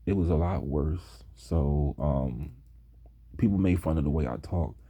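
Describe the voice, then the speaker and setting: A young man casually telling stories about high school, laid back and slow, now and then mimicking his classmates' voices. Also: mellow, husky. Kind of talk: casual storytelling.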